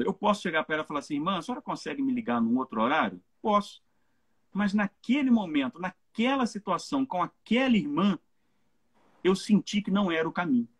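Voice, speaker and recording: A man's voice: sits high, a bit bright, slightly rough. A Brazilian man, a pastor, giving an informal Bible teaching on a live stream and often checking in with his listeners. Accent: Brazilian Portuguese. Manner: informal, keeps checking in with tag questions.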